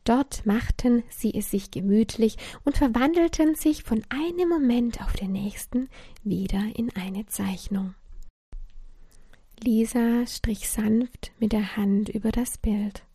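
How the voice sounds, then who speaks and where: Woman reading a bedtime story, soft half-whisper, husky, slow, dry close sound. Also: fairly high pitch, no room sound.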